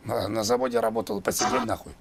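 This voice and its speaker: A man playing a foul-mouthed elderly factory worker who games, swearing and shouting constantly in comic role-play on a stream. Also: fairly low pitch, sing-song, fast talker, gravelly, noisy background, pitched below the performer's own voice, full character voice. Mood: abusive.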